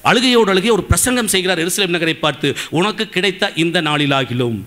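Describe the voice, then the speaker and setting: A man's voice: high voice, a little fast, bright, forceful tone. A man with a Tamil Nadu accent preaching an emphatic sermon at a church service, repeating phrases and asking the congregation rhetorical questions.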